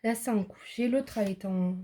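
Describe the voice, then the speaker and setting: A woman's voice: mid-range voice, normal speed, mellow. A woman in a casual craft video, describing greeting cards hesitantly with many fillers. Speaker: co-presenter showing cards. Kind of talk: casual show-and-tell.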